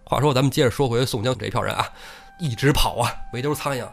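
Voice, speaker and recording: A man hosting a comic storytelling podcast, retelling an old tale in lively, colloquial speech. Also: medium pitch, quick pace, creaky, slight background noise. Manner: lively, colloquial, swearing casually.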